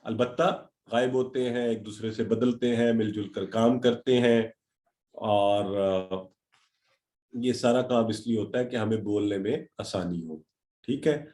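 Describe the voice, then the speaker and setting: A man's voice: lowish voice, darkish tone. Male online teacher, middle-aged, encouraging lecture manner, English words mixed in, video-call sound. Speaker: Arabic grammar teacher.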